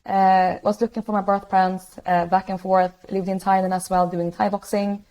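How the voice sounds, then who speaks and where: A woman's voice: medium pitch, little pitch movement, moderate pace, warm tone, poor audio. A woman in her thirties from Sweden, a startup founder telling her story in a casual interview over a video call, with many fillers and restarts. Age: 30s. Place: home room, video call.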